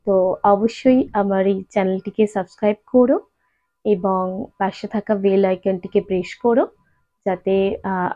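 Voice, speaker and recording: A woman's voice: on the high side, dark tone. Patient woman teacher, lo-fi sound. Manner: patient, repeats and spells out sounds slowly. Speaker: Sanskrit teacher. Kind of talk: spoken lesson addressed to students. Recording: dull lo-fi sound.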